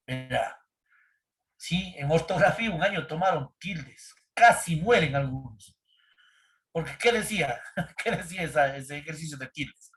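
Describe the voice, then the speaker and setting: A man's voice: a little high, a bit bright. A man teaching an online grammar class, constantly checking in with his students and quizzing them. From Ecuador. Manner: keeps checking in with "¿sí?" and questioning students.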